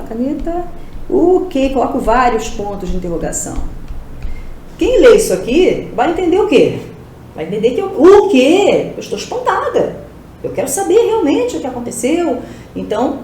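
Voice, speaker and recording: This woman, a Portuguese teacher, preps students for an exam by asking rhetorical questions and quickly supplying the answers. Her high, warm voice carries a roomy echo over slight background noise.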